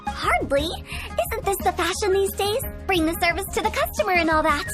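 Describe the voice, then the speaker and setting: A woman's voice: very high-pitched, big pitch swings, moderate pace, over music. A woman voicing a mischievous young female funeral director who talks in a playful, teasing, breezy way, as in a game cutscene. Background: game score.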